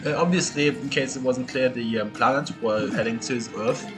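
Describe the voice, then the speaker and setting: A young man gives casual gameplay commentary, chatty and explanatory, with an easy laugh. His voice sits at a middle male pitch. Game music plays clearly behind him. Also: brisk. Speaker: streamer.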